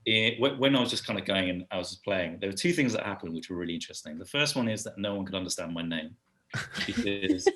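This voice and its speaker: A British man, a podcast guest, telling stories in a casual and animated way. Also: deep voice, quick pace. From United Kingdom. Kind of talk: casual storytelling chat.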